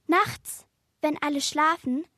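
Frau spricht hohe, kindliche Rätselstimme. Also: female voice, fairly even intonation, slow, sharp tone, no echo, studio quality, heavily acted. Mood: mysterious. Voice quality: high, childlike.

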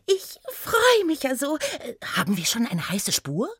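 A woman voicing a tiny, excited female gnome trainee who chatters eagerly in a high, bouncy voice. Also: a little slow, husky, no room sound, studio quality, full character voice.

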